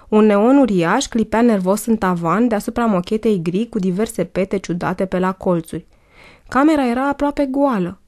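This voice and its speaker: A woman narrates an audiobook in the first person. Her delivery is wry and lively, set at a middle pitch.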